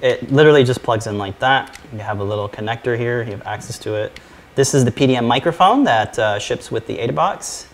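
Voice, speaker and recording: A man's voice: mid-range voice, fairly quick, a little hiss or hum. A man co-hosting a casual electronics project show, joking and laughing as he demonstrates hardware. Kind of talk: casual live show chat.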